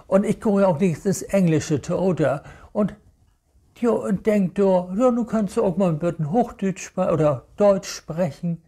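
A man with a Hamburg Low German accent gives a casual, rambling monologue, sounding indignant and slipping Low German words into his German. His voice sits a little high, with a gravelly, fry-laden edge and a mellow, dark tone. He talks slowly and unhurriedly. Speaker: vlogger.

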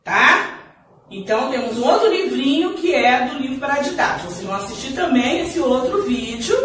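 A Brazilian woman teaching a remote lesson to small children, stretching each word out slowly as she demonstrates it. Her voice is high and sings up and down. It echoes strongly around the room, picked up from a distance. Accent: Brazilian Portuguese. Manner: slow, drawn-out spelling and word demonstrations, warm teacherly asides. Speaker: primary school Portuguese teacher.

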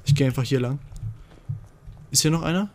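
A young man giving live gameplay commentary as a gaming video host, excitable and swinging from mutters to shouts. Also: fairly high pitch, a little fast, background noise.

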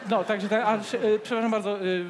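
A man's voice: high voice, fairly even intonation, fairly quick, a crowd in the background, noisy background. A man in a stage comedy sketch, playing a flustered office worker who stammers and bluffs his way through.

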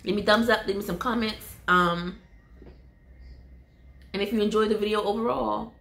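A woman's voice: mid-range voice, fairly even intonation, normal speed, gravelly, fairly bright tone. A woman in her thirties talking casually to camera in an indoor room, chatty and self-correcting, laughing at herself. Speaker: vlogger. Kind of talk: casual vlog talk to camera. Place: indoor room with window blinds. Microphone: camera in front of her.

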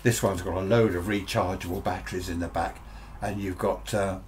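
Unscripted and chatty, this radio hobbyist presenter, a man of sixty or beyond with an English accent, wanders through gadget reviews while thinking out loud. He speaks in a low voice at normal speed, his intonation fairly even. The setting is a cramped, cluttered radio workshop indoors, and a hum and other background noise are clearly audible.

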